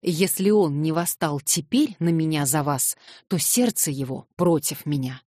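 A cold, haughty older prince lectures with smooth condescension, as a woman narrator puts him on. His voice is pitched low for her and recorded close and dry, in the manner of a storybook reading. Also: unhurried, warm tone, dry recording. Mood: cold, reproachful. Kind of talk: audiobook reading.

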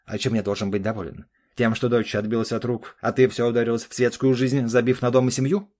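A man voicing a furious middle-aged father in an audiobook, gruff and shouting. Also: sits low, expressive, fast, full character voice. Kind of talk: audiobook reading.

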